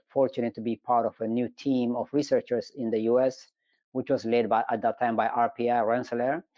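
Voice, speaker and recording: A middle-aged engineering professor from Ethiopia joins a conversational interview as a guest, speaking in a measured, storytelling way with frequent hesitations on "uh." His pitch sits in the middle of the range, and the dry, slightly dull audio sounds like a remote call.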